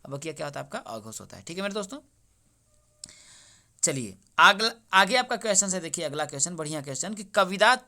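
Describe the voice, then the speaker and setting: A young man with a bright, forceful voice walks through exam answers. He keeps asking each question back, calls his listeners his friends, and then repeats the answer. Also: high-pitched, sing-song, quick pace. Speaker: exam-prep teacher. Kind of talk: exam paper solution lesson.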